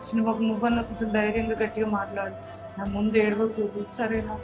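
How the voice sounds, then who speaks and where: A woman's voice: medium pitch, little pitch movement, quick pace, a little mellow, lo-fi sound, faint music behind, natural voice. An actress playing a worried daughter-in-law with a Telangana Telugu accent, urging her relatives to stay brave. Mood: anxious. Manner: urgent, pleading. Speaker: actor in a family drama.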